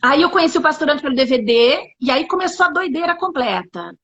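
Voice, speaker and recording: A Brazilian woman, a guest in a casual interview, telling her testimony as an animated storyteller who acts out the dialogue. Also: high voice, fast talker, dull audio.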